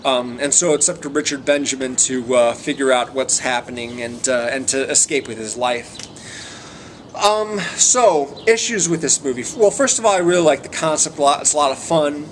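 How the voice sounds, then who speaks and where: A man's voice: mid-range voice, normal speed. A man giving a casual, rambling film review in a hesitant, meandering way, often trailing off mid-thought. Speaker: amateur movie reviewer. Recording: noticeable background noise.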